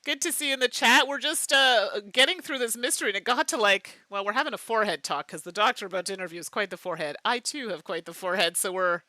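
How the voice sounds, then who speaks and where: A woman streaming a mystery game live, chatting with her viewers and laughing often in an animated way. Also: mid-range voice, fast, few pauses, no echo. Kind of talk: live game playthrough chat.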